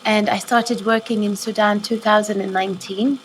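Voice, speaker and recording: A woman's voice: mid-range voice, steady tone, moderate pace, slight background noise. A woman from Yemen, an aid worker, recounting her experiences in a hesitant, reflective way with many fillers and restarts.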